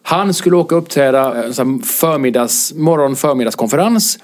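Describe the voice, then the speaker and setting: A man from Sweden co-hosting a podcast in casual chat, telling anecdotes and acting out the voices of the people in them, often laughing. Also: medium pitch. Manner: animated storyteller who acts out quoted voices and laughs often. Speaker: podcast co-host.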